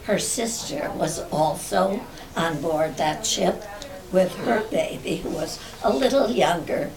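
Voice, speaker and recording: An older woman, a guest poet, reading her own poems aloud with a slow, measured recitation at a community club. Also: on the low side, lively intonation, far from the mic, a crowd in the background, poor audio.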